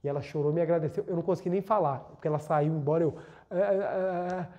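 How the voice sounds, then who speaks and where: Earnest and repetitive for emphasis, a man with a Brazilian Portuguese accent combines a spiritual talk with a guided meditation. He speaks at a quick pace in a mellow voice on the high side, and the audio is dull.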